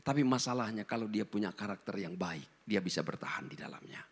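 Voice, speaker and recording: A male pastor preaching a sermon and telling stories, swinging between loud emphasis and hushed asides. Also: lowish voice, brisk, husky.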